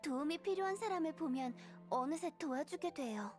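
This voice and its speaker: A woman voicing a cheerful young female deaconess and healer in a game dub, with a boyish, slightly husky voice. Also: high-pitched, animated, rapid-fire, faint music behind. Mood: earnest, gentle.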